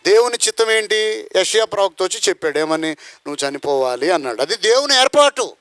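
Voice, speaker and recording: A pastor from India preaches with a high, fairly bright, animated voice at a fairly quick pace, captured in a dry recording. He fires rhetorical questions, acts out the voices of the characters in his story, and bursts into song.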